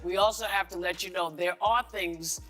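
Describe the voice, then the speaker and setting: A woman co-hosting a talk, playful and animated in casual chat. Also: on the low side, a little slow, soft background music.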